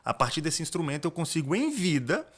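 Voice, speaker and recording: Brazilian man, lawyer guest; didactic, restart-prone delivery with an animated, swinging pitch. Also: fairly quick. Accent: Brazilian Portuguese. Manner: didactic, explains step by step with many restarts. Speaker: corporate lawyer, podcast guest. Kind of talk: explanatory interview talk.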